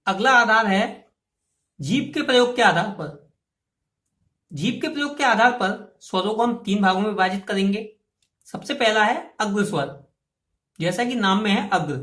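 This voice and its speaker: In an echoey room, a woman with a medium-pitched, slightly bright voice teaches a grammar lesson in a classroom setting. She explains patiently, step by step, repeating key terms and asking listeners to say the sounds aloud themselves.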